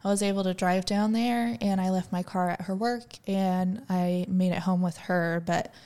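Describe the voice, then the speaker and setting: A woman co-hosting a podcast, telling a story in a relaxed, casual way. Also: mid-range voice, moderate pace, clear, resonant tone. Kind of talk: casual chat.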